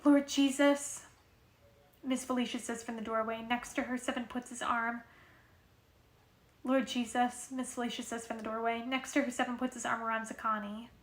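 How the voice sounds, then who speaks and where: A woman's voice: on the high side, flat delivery, fast, hardly any pauses, a bit bright. A woman reading a novel aloud in a casual way, with occasional restarts. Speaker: reader. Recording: roomy echo.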